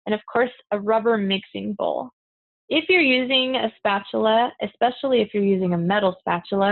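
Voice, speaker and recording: A woman's voice: medium pitch, no echo. A woman instructor giving a recorded lecture to dental assisting students, practical and direct, calling them "you guys". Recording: tinny phone-like, dry.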